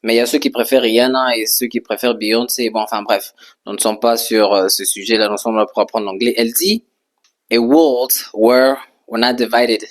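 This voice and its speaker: A man teaching English in French at a board, repeating and spelling out each word patiently, often pausing with hesitations. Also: mid-range voice, fairly even intonation. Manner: slow, patient, repeats words and spells them out; frequent hesitations with "euh". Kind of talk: French-language English lesson at a whiteboard.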